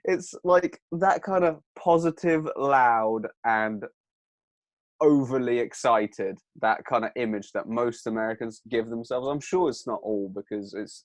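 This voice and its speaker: A young man with a British accent chats loosely on a podcast, his voice sitting low in pitch. He tells stories, drops into quoted voices and swears without fuss. The sound is dry and close. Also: no echo. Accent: British English. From Britain. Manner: storytelling, swears casually, acts out quotes. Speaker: podcast co-host. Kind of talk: casual chat.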